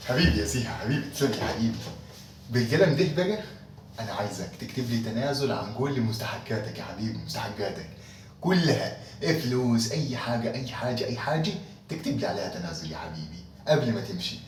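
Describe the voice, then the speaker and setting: Heard from a distance in an echoey, faintly noisy room, a man plays an office manager in a comic sketch. He has an Egyptian Arabic accent and lays on saccharine, mock-tender sarcasm. His mid-range voice is very animated, and he talks fast.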